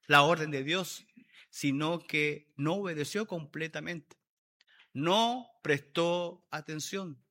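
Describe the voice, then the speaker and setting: Male preacher, high-pitched, very bright edge, emphatic sermon delivery with repeated lines. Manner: emphatic, repeats key phrases.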